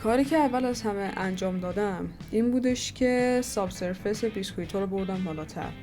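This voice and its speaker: With music playing behind her, a woman 3D artist who hosts her own channel offers casual work-along commentary. At a medium pitch, she mutters to herself and thinks aloud while trying things out.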